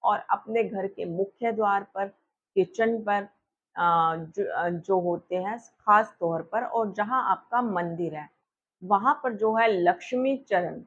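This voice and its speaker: Woman, husky, sore throat, step-by-step ritual instructions, dull lo-fi recording. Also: mid-range voice, slow. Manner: step-by-step, asks and answers her own questions, many fillers. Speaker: astrologer explaining Diwali puja. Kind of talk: instructional talk to viewers.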